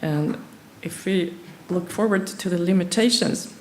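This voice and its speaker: This is a fairly low-pitched, slightly mellow female voice on a low-quality recording with a bit of background noise. She's from Sweden and non-native in English, giving a conference presentation in a halting way, full of fillers and restarts.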